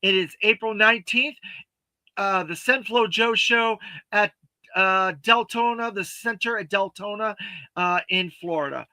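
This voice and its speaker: Guy hosting a toy stream, pretty high voice, lots of uh and um, dry sound. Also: bright, forceful tone, no room sound. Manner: halting, lots of uh and um fillers; friendly and earnest, thanks viewers often. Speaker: toy review show host. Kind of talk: casual livestream chat reading viewer comments.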